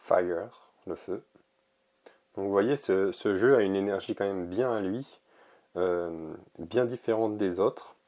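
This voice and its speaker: A man casually showing an oracle card deck, talking in a relaxed, hesitant way with many pauses and fillers. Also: sits low, dull audio. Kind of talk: casual product presentation to camera.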